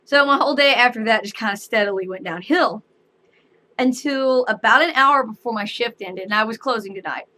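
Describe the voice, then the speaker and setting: Brief: animated young woman, casual store-worker vlog, bright and slightly high. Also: fairly quick. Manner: animated, chatty, acts out dialogue. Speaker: store cashier.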